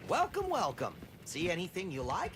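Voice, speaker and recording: A green franchise shopkeeper in a video game, nervous and desperate to please. His pitch swings wildly through awkward sales patter, over faint background noise. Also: wildly swooping pitch, moderate pace. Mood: forced salesman cheer. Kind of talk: video game character dialogue.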